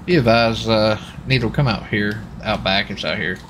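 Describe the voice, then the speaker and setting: A man roleplays a lawman in a video game, chatting casually with folksy, colloquial phrasing as a streamer playing a US marshal in GTA roleplay. His voice is lowish and a bit bright, at a moderate pace, with a little hiss or hum.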